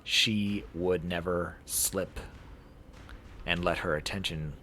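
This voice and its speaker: A streamer reads visual novel game text aloud live, stumbling over words and going back to reread them. His low-pitched voice is steady and sharp, and he takes it slowly, with background noise clearly audible in the recording.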